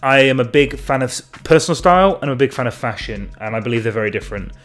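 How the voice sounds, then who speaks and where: A man's voice: medium pitch, animated, racing, fairly bright tone, faint music behind. Rambling, sweary, self-mocking man. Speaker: fashion vlogger. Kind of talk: casual rambling chat to camera.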